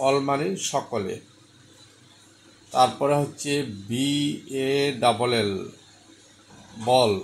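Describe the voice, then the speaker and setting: A man's voice: medium pitch, slight background noise, low-quality recording. A man teaching an English pronunciation lesson, spelling words out letter by letter and repeating them.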